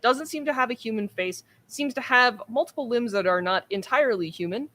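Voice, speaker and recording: A woman's voice: a little high, expressive, sharp tone. Woman narrating a tabletop game. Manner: descriptive, unhurried with frequent ums. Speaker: game master.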